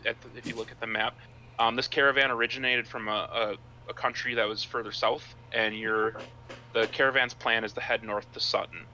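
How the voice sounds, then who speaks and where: A man running a tabletop game as its narrator, stumbling through fillers and repeated words. His voice is bright and forward at a middle pitch. A faint hum runs underneath the recording. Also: fairly even intonation, brisk, highs cut off. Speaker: game master.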